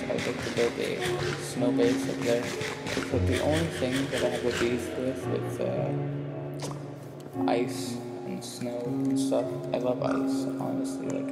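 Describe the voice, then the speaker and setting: Young man gaming, slight retainer lisp, creaky voice. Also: mid-range voice. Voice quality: slight speech impediment from wearing a retainer. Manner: rambling, informal, self-deprecating. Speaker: gaming YouTuber. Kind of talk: casual gameplay commentary. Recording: roomy, echoing sound with music behind. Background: music.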